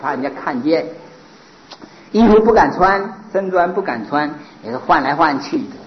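A man, a Buddhist monk, giving a sermon with rhetorical questions and lively mimicry of people he describes. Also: on the high side, normal speed. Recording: dull lo-fi recording.

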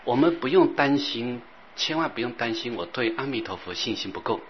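A man teaching as a Buddhist master, rambling and repeating himself, sometimes chanting softly. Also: medium pitch, lively intonation, brisk. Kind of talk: dharma talk. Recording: dull lo-fi recording with faint hiss.

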